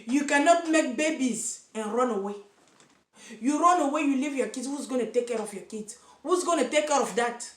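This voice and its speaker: This Cameroonian woman's voice is high-pitched and at normal speed, with a Cameroonian accent. Advocating for single mothers in a vlog to camera, she's earnest and insistent, though she repeats and stumbles over words searching for English. The room echoes.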